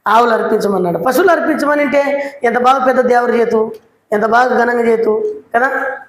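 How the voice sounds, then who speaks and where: A man's voice: extremely high pitch, steady tone, moderate pace. A man preaching a sermon in a prayer hall, emphatic and full of rhetorical questions. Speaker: church preacher.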